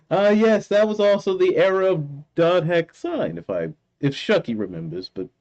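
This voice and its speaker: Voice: mid-range voice, darkish tone. A reaction video host giving casual commentary, musing and exclamatory, given to giggling. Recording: dull, lo-fi sound with music.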